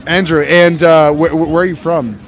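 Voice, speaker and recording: With a slightly high voice, little pitch movement, and a moderate pace, this livestream host chats in a friendly way at an outdoor street protest, walking up to strangers and inviting them to join. Crowd sounds and music play behind him.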